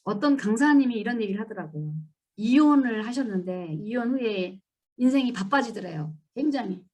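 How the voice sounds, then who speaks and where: Church lady giving a talk, kinda high voice, bounces up and down a lot while she tells stories. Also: normal speed. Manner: animated storytelling, acting out quoted scolding. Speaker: seminar speaker. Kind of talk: church seminar lecture.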